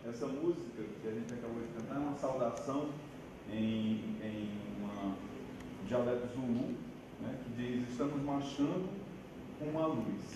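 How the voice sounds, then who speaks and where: A man's voice: mid-range voice, normal speed. A man informally explaining things from the stage as a member of a choir. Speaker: choir member addressing the audience. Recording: very echoey distant mic, noisy crowd behind.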